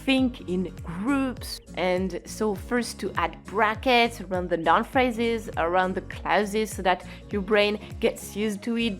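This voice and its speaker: A mid-range female voice delivers an online language lesson. She explains with slow patience, elongating key words, and now and then laughs lightly.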